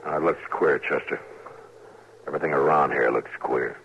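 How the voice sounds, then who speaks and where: A grave American western marshal, with an extremely low voice and a gravelly edge. He is terse, steady and commanding in the manner of old radio drama, over a faintly noisy vintage recording. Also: normal speed, muffled recording. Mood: grave, matter-of-fact.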